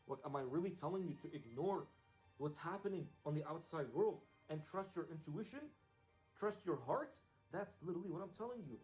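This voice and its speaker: A man's voice: on the high side, darkish tone, rough recording. Earnest young man giving a faith talk. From Iraq. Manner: earnest, casual, repeats phrases for emphasis. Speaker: Islamic speaker. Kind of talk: motivational religious talk. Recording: faint music behind.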